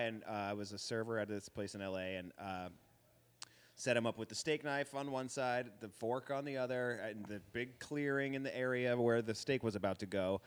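Dry-humored male podcast host. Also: medium pitch. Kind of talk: casual chat.

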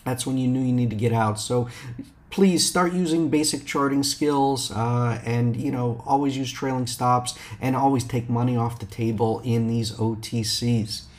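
A man hosting casual stock market commentary in brash, slangy trader talk, halting often with fillers and addressing viewers directly. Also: mid-range voice, steady tone, a little mellow. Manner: halting, filler-heavy delivery. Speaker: stock market video host.

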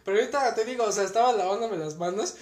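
A young man with a Mexican Spanish accent tells rambling stories in slangy, casual chat and laughs often. His voice is high and darkish in tone, he talks very fast, and the recording has a roomy echo.

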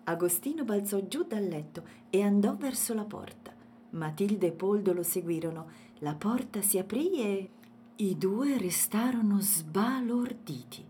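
A woman narrating a children's storybook in a gentle, expressive way. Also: medium pitch, moderate pace, slight background noise.

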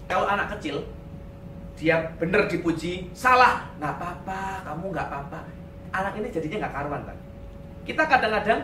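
A male pastor giving a lively sermon in a church, sprinkling in English words and acting out quotes. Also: high-pitched. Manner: animated, mixes in English words, acts out quotes. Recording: echoey room, distant mic, faint noise.

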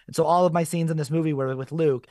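A man's voice: a little high, fast talker, no echo, clean studio sound. A man who is a guest actor chatting casually on a podcast and telling stories with energy. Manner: animated storyteller, quotes others in lively voices.

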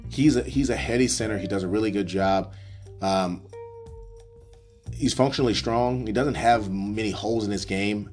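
A man's voice: on the low side, moderate pace, a little mellow, soft background music. A man hosting his own show, talking through picks in a loose, rambling way with many restarts and fillers. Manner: rambling, self-correcting, frequent ums. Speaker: podcast host doing a mock draft. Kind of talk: casual solo analysis, off the cuff.

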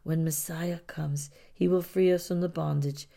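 Brief: old male rabbi read by a woman, soft, mournful, low and slow, dark tone. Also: fairly even intonation, creaky, full character voice. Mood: gentle. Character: sorrowful old male rabbi, gentle, cryptic.

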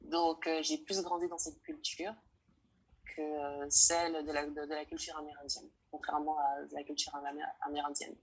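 Low husky young woman, hesitant. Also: little pitch movement, moderate pace, low-quality recording. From French Guiana. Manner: hesitant, searching for words. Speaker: interviewee. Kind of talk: interview answers.

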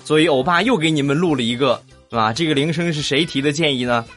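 A man's voice: on the high side, fast talker, fairly bright tone, faint music behind. Playful man hosting a comedy podcast. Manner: jokey, laughs often, teasing asides. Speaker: podcast host. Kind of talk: playful comedic chat reading listener comments.

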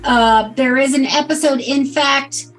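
A woman with a fairly high voice co-hosts a podcast in a relaxed, chatty way. She reads from her notes and fills the gaps with ums and uhs. Faint music plays behind her. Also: unhurried. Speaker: podcast co-host. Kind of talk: casual podcast chat.

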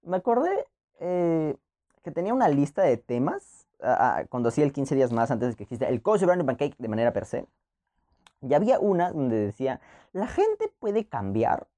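Young male podcast host, casual laughing monologue, animated and warm. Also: a little high, normal speed. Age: young adult. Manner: rambling, laughs often, many restarts.

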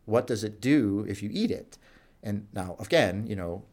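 A fairly low-voiced doctor from a jail clinic tells animated anecdotes about his work in a relaxed, conversational interview at a moderate pace. When quoting people, he acts out their lines in their voices.

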